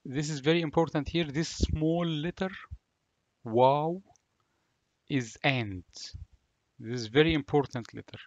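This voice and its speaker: A man with an Egyptian Arabic accent, a native Arabic speaker, giving a language lesson in a deliberate, word-by-word manner. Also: on the high side, a little mellow, dry recording, muffled recording. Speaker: language teacher. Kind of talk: language lesson, slow explanation with repeated phrases.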